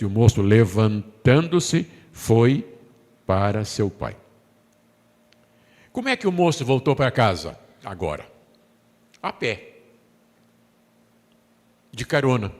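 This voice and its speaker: A man with a Brazilian Portuguese accent, a pastor preaching a sermon. He tells the story in a lively way, voices the characters and puts questions to the congregation. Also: mid-range voice. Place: church sanctuary. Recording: long hall reverb in a church.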